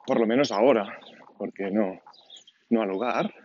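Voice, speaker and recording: A 49-year-old Catalan man, whose first language is Catalan alongside Spanish, speaks Spanish with a Catalan accent while hosting a solo podcast, rambling in an informal, unscripted monologue. His fairly low voice is a little mellow, at normal speed. The dull lo-fi home recording has clear background noise.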